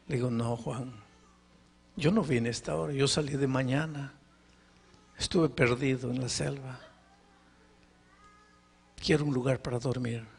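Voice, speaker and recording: A pastor preaching to a live congregation, telling a story with dramatic pauses and anguished questions. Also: male voice, mid-range voice, creaky, breathy edge. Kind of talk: narrative sermon storytelling. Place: live sermon before a congregation.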